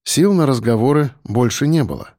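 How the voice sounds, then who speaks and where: A man's voice: medium pitch, lively intonation, normal speed, dark tone, no echo. Man reading a story, dry close sound. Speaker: audiobook narrator. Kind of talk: scripted narration.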